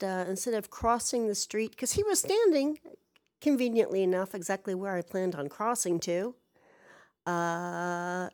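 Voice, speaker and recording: A woman's voice: medium pitch, a little mellow, smooth. A woman casually telling a personal story, rambling and exasperated, swearing freely.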